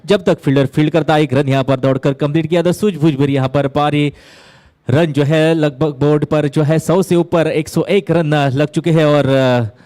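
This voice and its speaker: A man giving live ball-by-ball cricket commentary, phrasing things in measured bits with pauses and lifting at key moments. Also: on the high side, steady tone, dark tone.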